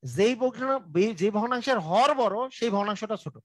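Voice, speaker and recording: High-voiced male math tutor, live class, repetitive drilling delivery, dry close sound. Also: animated, moderate pace, no echo. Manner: repetitive, drilling explanations with frequent check-ins; colloquial, speaks directly to viewers. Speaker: math teacher. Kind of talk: live online math lesson.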